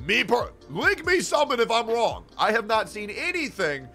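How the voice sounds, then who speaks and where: Lively, earnest male streamer. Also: extremely high pitch, normal speed, creaky, faint music behind. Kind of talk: casual live-stream commentary.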